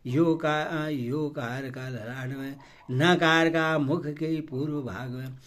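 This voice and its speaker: Man, devotional scripture reader, somewhat high voice, very slow, measured recitation, intoned mantras, hesitant fillers. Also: steady tone, a bit bright.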